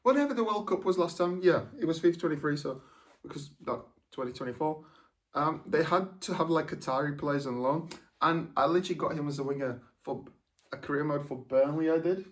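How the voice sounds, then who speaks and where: A man's voice: fairly high pitch, fairly quick, recorded from a distance. A young man from England chatting casually in a video about his collection, rambling with lots of fillers and self-corrections. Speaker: football vlogger. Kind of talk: casual chat.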